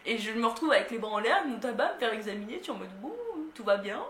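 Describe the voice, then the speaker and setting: A woman's voice: fairly high pitch, lively intonation, very fast, a bit bright. A young woman from France telling a story in a casual, slangy way, laughing often. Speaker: vlogger. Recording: roomy echo.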